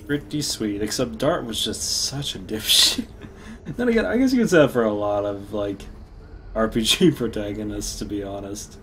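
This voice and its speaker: Low-voiced laid-back male streamer. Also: expressive, moderate pace, a bit bright, a little hiss or hum. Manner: rambling, laughs often, swears casually. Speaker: gaming streamer. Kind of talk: casual let's-play commentary.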